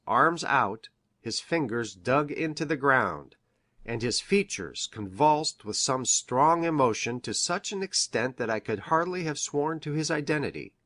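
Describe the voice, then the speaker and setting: An educated country doctor in a classic mystery drama. He is grave and earnest, laying out his account formally and precisely, with a middle-pitched voice and measured storytelling. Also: pushed and bright. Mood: grave, tense.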